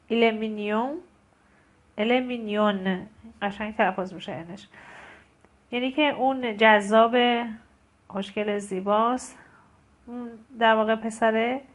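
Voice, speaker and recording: A Persian-speaking woman teaching a French grammar lesson at a middle pitch. She explains each rule step by step and reads the French examples slowly and deliberately, with clear stress on each word.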